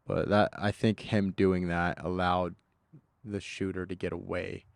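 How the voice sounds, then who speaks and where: A man being interviewed as an eyewitness, speaking in casual slang with halting, repeated and restarted phrases. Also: low-pitched, flat delivery, creaky, dry recording.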